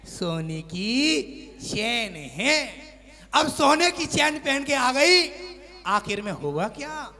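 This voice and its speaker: High bright-voiced monk preaching slow, acting out a story, hall echo. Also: male voice. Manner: animated storyteller, acting out household characters. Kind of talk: sermon with storytelling. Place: temple hall before a seated congregation. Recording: long hall reverb.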